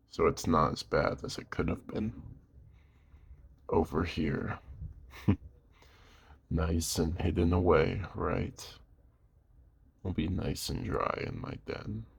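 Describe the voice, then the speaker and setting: In an audio roleplay, a man voices a gruff yet caring werewolf of the woods who speaks gently and protectively to the listener. His very deep voice is gravelly and husky and heavily acted. The mood is gentle and reassuring.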